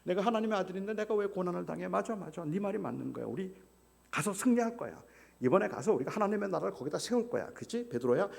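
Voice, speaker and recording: A man's voice: high voice, lively intonation, fast, gravelly, long reverb tail. A man voicing an agreeable male teacher who cheerfully gives in and rallies his follower. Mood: cheery, conceding. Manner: soft then chummy, cheering.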